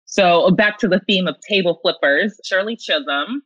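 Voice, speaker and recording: A woman's voice: lowish voice, normal speed, fairly bright tone, no room sound, muffled recording. A young woman speaking earnestly as a guest in a podcast interview. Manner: earnest, grows emotional.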